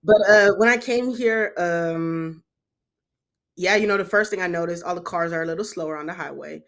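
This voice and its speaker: A woman from Germany talks as a guest on a business podcast. She answers in a relaxed, conversational way, often pausing with "um" and "kinda". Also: fairly low pitch. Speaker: company CEO, podcast guest. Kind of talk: casual interview answers.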